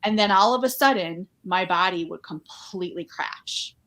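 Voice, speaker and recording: A woman's voice: fairly low pitch, normal speed, fairly bright tone. A woman guest on a podcast, talking in an upbeat, chatty way with lots of "like" fillers. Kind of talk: casual conversational interview.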